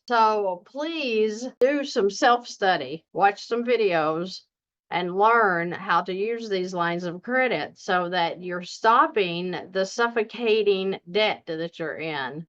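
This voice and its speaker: Female finance coach, deep Southern accent, mid-pitched, folksy and earnest direct-to-viewer talk, slightly muffled lo-fi recording. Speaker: personal finance coach and video host.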